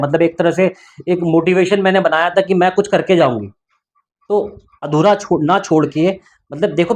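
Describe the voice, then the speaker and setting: With a voice on the high side and a darkish tone, a man hosts a podcast, offering motivational interview talk in an encouraging, slightly preachy style.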